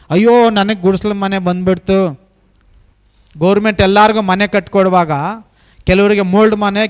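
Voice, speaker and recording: A man preaches a sermon in a high voice, pressing his congregation with rhetorical questions. He drives each point home by repeating short phrases in an emphatic cadence, speaking as the pastor of the church. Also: fairly bright tone.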